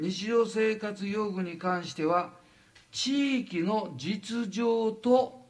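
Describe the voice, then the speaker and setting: An older man from Japan giving a lecture, halting with frequent fillers and lively asides. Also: high-pitched. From Wajima, Noto Peninsula, Japan.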